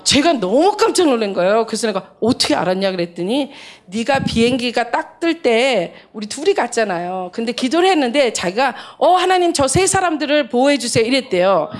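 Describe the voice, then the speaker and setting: A middle-aged woman giving a church testimony as a missionary, telling her story in an animated way and acting out the dialogue. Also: a little fast. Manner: animated storyteller, acts out dialogue with big pitch jumps and laughter.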